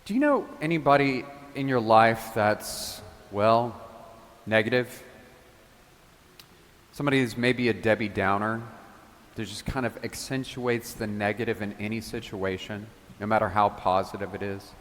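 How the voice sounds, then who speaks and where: A man who is a parish priest, giving a homily in a relaxed, conversational way, telling stories with casual asides. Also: lowish voice, moderate pace, long reverb tail.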